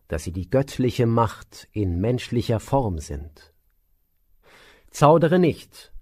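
A man voicing a stern, impatient old sage who speaks in a sharp, commanding way. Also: medium pitch.

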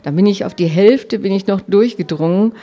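A woman telling a personal anecdote to listeners, lively and animated, with frequent hesitations. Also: mid-range voice, moderate pace. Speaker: storyteller.

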